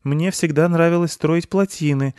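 A man's voice: fairly high pitch, steady tone, normal speed, darkish tone, clean tone, dry recording, studio quality, voice pushed up, natural voice. A man voicing a curious, eager young boy who keeps asking questions.

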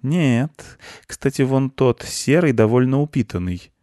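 A sly, hungry male cat, voiced by a male storyteller, speaks calmly and easily. The recording is dry and close. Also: medium pitch, measured pace, dry recording, voice pushed up, natural voice.

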